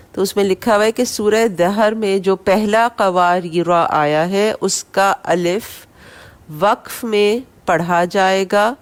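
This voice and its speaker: A woman teaching tajweed rules in a lesson, explaining in a plain conversational way and reciting prayer verses slowly with long drawn-out vowels. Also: medium pitch.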